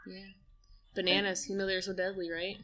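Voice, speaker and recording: A woman's voice: medium pitch, little pitch movement, a little fast, sharp tone. A young woman chatting during a let's-play, teasing the player in a slangy, joking way. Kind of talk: casual let's-play chat.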